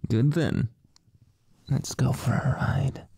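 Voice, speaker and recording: Whispering close to the mic, a young man with a mid-range voice plays a teasing boyfriend in an ASMR roleplay. His slow, breathy delivery is dotted with quiet chuckles, and there's no room sound at all.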